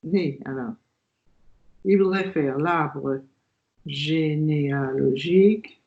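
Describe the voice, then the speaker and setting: A woman's voice: low voice, extremely slow, vocal fry, a little mellow. A woman learning a language on a video call, hesitant and thinking aloud as she practices. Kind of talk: casual lesson chat. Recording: dull lo-fi video call audio.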